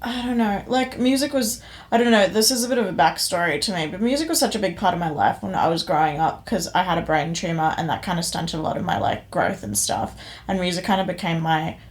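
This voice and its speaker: Speaking fast with lively intonation and a fairly low pitch, a young woman from Indonesia gushes about a show she watched. She co-hosts the podcast, and the casual review chat wanders a bit.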